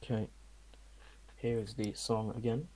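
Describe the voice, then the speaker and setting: A man's voice: on the low side, steady tone, very noisy. Man hosting a casual quiz. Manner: reads lyrics out slowly and evenly. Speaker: podcast host running a song quiz.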